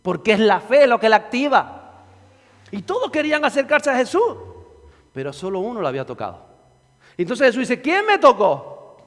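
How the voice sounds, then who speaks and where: A male pastor preaches fervently, hammering his points through repetition. His voice sits very high and swells toward shouting. Long reverb rolls through the church hall. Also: very animated, brisk, long pauses. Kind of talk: sermon.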